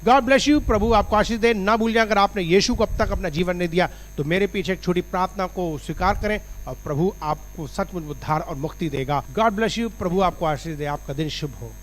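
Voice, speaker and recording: A male pastor leading a forceful healing prayer, rebuking sickness and calling people to faith. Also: high voice, a little fast, hardly any pauses. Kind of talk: Hindi prayer and altar call. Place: church.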